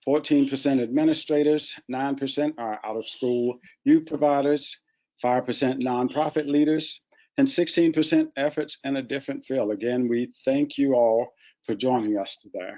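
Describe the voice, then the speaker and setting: Male webinar host, measured scripted delivery, dull online-call sound. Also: mid-range voice, steady tone, warm tone. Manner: formal, measured introductions. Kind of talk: reading scripted introductions. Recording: muffled lo-fi webinar audio.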